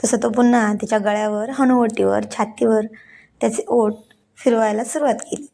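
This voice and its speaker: A woman narrating a romantic story aloud in a calm, even reading voice. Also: on the high side, normal speed, gravelly.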